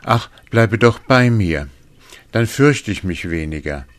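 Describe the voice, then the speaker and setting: A frightened young man, voiced by a man reading aloud, begs in a raised, anxious voice. It sits well above the narrator's deep tone. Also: expressive, takes it slowly, dry recording. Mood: pleading. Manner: pleading, raised pitch.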